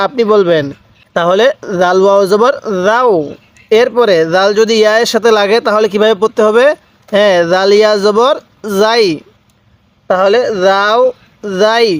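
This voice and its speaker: A man teaching Quran reading, slowly repeating letter and syllable drills for learners. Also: high voice, clean tone, no room sound. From Bangladesh. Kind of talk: recitation lesson.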